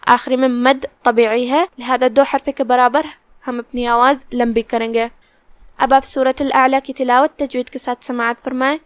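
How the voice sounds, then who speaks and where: A woman teaching Quran recitation rules step by step, patiently explaining each letter and then chanting the verses slowly with drawn-out vowels. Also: sits high, flat delivery, clear, resonant tone, no echo. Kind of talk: tajweed lesson with slow recitation.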